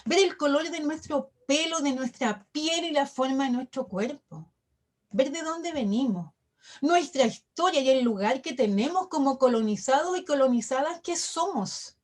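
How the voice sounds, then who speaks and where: A woman professor giving a lecture in an online talk, measured and emphatic, building her points through lists and rhetorical questions. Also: sits high, lively intonation. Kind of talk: academic lecture, reflective.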